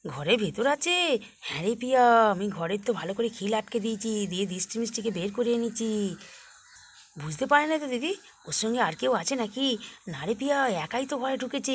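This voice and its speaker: A woman voicing anxious but bold village sisters in a cartoon, talking in urgent hushed tones. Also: on the high side, husky. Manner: urgent hushed talk, then loud defiant scolding. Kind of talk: cartoon voice acting.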